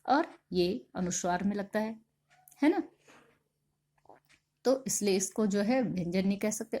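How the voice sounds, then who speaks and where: A woman teaching a grammar lesson, her voice soft and mellow rather than bright. She asks questions and answers them herself, calls the class "beta", and spells out each example sound slowly and deliberately. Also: medium pitch.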